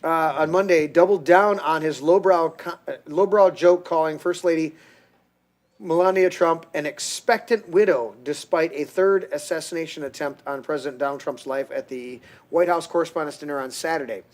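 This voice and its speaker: Middle-aged male podcast host, heated and crude, slightly high voice, casual rant. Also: normal speed. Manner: heated, crude, restarts often.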